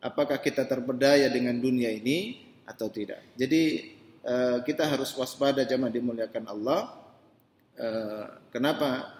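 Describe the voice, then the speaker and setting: A man preaching a mosque sermon, chatting with the congregation and asking them questions, swinging from quiet asides to loud emphatic rises. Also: medium pitch, normal speed. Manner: conversational, asks the men in the congregation questions directly. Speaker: ustadz preacher. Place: mosque hall. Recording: echoey mosque hall, voice distant.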